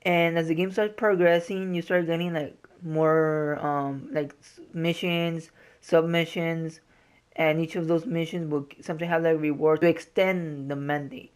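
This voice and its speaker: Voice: medium pitch, steady tone, a little slow, clear, resonant tone. A gaming host giving informal, explanatory walkthrough commentary in a casual style.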